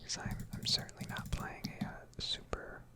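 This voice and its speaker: Close-miked and quiet, a gaming video creator offers ASMR-style commentary while playing a video game. Her pace is normal, and her delivery is tentative and self-deprecating.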